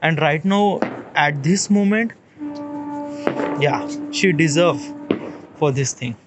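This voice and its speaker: A vlogger in his late twenties with an Indian English accent muses aloud in a casual, rambling, halting monologue, tossing in "okay?" to check in. His voice sits on the high side, and music plays underneath.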